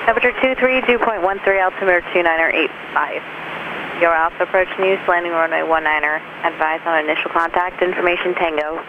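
An airport weather broadcast plays over the aircraft radio, reeling off numbers quickly and flatly. The sound is narrow and tinny like a phone line, with a clear hiss running underneath. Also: medium pitch. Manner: clipped, monotone reading of numbers. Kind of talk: recorded weather and runway information readout.

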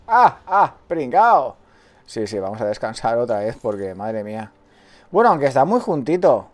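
This live gameplay commentary comes from a man from Spain whose medium-pitched voice is a little mellow and carries a Spanish accent. He talks with his viewers as he plays, cursing frequently.

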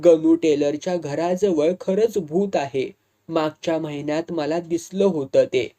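A man reads a superstitious villager in a storybook tale, earnest and full of warnings. The voice is warm and mellow, sitting a little high. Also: a little slow, natural voice.

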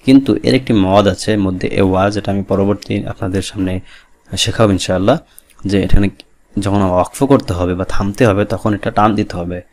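Slow-spelling male Quran teacher. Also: on the low side, fairly even intonation, darkish tone. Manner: spells out letters and vowel marks, then drills syllables slowly and repeats them; explains rules plainly and earnestly, urging students to read along. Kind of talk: step-by-step recitation lesson.

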